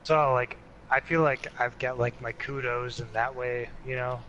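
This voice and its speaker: A man in his late twenties rambles casually on a podcast, with "like" in every sentence. His voice is bright and tense, and faint noise sits behind it. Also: medium pitch, steady tone, moderate pace, lo-fi sound. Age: 20s. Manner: rambling, fills with "like". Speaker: podcast co-host. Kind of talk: casual chat.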